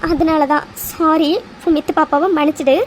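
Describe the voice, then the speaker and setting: A playful young bride-to-be in a cartoon, teasing and affectionate, full of little exclamations, voiced by a woman. Her voice sits very high, with a faint hiss of background noise underneath. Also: level tone, moderate pace, natural voice. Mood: loving. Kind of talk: cartoon voice dub.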